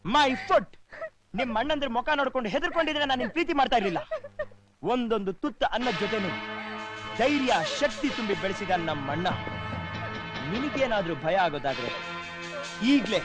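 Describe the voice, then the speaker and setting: A man's voice: extremely high pitch, lively intonation, a little fast, long pauses. An actor playing a proud, defiant young man in love, in a film drama, speaking with mocking bravado. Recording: film soundtrack with music behind.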